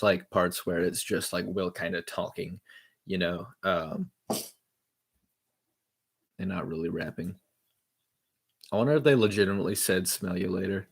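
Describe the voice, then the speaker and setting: Joking low-voiced man on headset. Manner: jokey, self-mocking, laughs often. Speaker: home recording creator. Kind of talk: casual self-recorded chat between rap takes.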